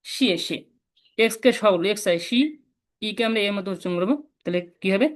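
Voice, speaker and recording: A woman with a Bangladeshi Bengali accent giving a casual spoken lesson, explaining step by step and repeating syllables slowly. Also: medium pitch. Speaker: Chinese language teacher.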